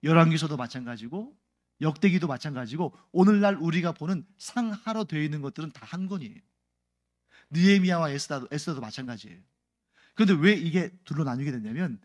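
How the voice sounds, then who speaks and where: A male pastor giving an explanatory Sunday sermon, often putting questions to the congregation. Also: a little high.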